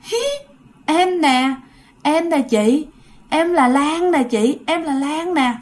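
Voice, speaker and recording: A woman voicing the ghost of a dead young woman, speaking slowly and softly in a ghost story. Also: sits high. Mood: eerie. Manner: slow, soft, echoing coaxing.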